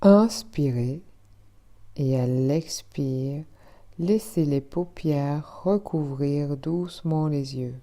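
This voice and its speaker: A low-pitched woman teaches yoga nidra, guiding a relaxation meditation. Her manner is soothing, hushed and measured, and she gently repeats phrases.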